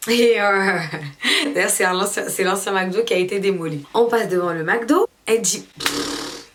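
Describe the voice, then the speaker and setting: A woman's voice: mid-range voice, normal speed, background noise. Chatty young woman. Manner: lively, confessional, acts out every quote, laughs often. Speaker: vlogger. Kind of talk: casual storytelling to camera.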